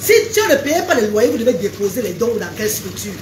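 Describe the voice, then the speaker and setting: A woman chatting on a casual live stream, animated, calling her viewers "maman". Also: mid-range voice, fast. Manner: animated, calls viewers "maman", sings out names. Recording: echoey room with faint background noise.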